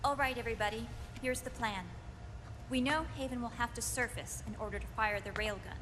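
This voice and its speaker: A woman's voice: fairly high pitch, brisk, noisy background, natural voice. A woman playing a grave, commanding officer who leads a mission briefing in a video game. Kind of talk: scripted video game voice acting. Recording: long hall reverb, music behind.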